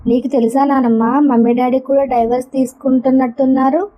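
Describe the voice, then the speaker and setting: A woman reading aloud plays a small, tearful boy in a storybook, pleading and childlike. The voice sits a little high and stays flat. The recording sounds dull and lo-fi. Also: brisk. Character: young boy, tearful and anxious grandson.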